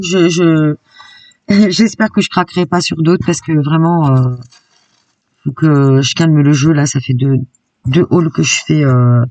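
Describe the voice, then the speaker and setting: Brief: chatty craft vlogger woman, gravelly voice, a little distant from the mic. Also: sits low, darkish tone, no echo. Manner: chatty and enthusiastic, peppered with "hein". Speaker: craft YouTuber. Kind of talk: casual shopping haul vlog.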